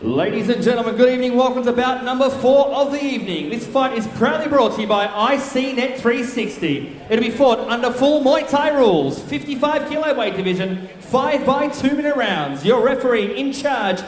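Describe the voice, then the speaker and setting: A man working as a ring announcer, making formal fight introductions in a booming, pumped-up delivery. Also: animated, moderate pace. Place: large indoor fight venue. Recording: echoey hall PA with long reverb.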